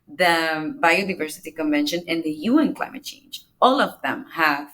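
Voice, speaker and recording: A woman from the Dominican Republic, a climate negotiator appearing as a podcast guest, gives explanatory interview answers in a lower, unhurried voice. Her tone is animated and fairly bright, and she explains in a measured, step-by-step way with small restarts. The recording is rough.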